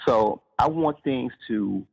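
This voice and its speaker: This author, chatting about writing in an interview, speaks slowly with a darkish tone, vocal fry and a breathy edge to his mid-range voice. He explains things reflectively, one step at a time, often rephrasing what he's just said, and the sound is a bit dull and lo-fi, like radio.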